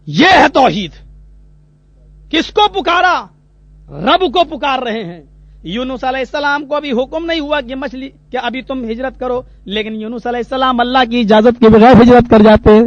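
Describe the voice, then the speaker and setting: A man, swinging from hushed asides to impassioned cries. The recording is dull and lo-fi, with a dry, close sound. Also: extremely high pitch, no echo. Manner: dramatic, rising to impassioned cries when quoting prayers. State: unwell, asks for warm water. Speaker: Islamic preacher. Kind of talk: fiery sermon.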